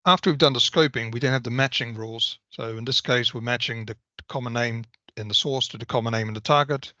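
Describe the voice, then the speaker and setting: A man on a video call gives a methodical, explanatory software walkthrough. His voice is bright and forceful, and it sounds dry and close. The call audio is a little dull and lo-fi. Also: mid-range voice, quick pace, no room sound. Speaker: software presenter. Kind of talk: technical product walkthrough.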